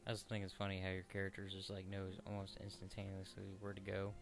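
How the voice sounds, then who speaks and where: A man giving casual, rambling let's play commentary, halting and searching for words. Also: low voice, completely flat delivery, creaky, music in the background.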